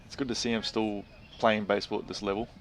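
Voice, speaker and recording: A man giving conversational baseball analysis as a colour commentator, in a halting, thinking-aloud way. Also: fairly low pitch, steady tone. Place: outdoor baseball stadium broadcast. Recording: background ambient noise at ballpark.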